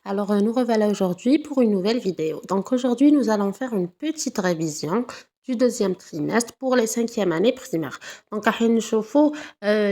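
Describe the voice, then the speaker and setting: A woman with an Algerian accent teaching a French lesson to primary pupils, saying words slowly and checking "d'accord?" after each point. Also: fairly high pitch, dark tone. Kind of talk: classroom lesson.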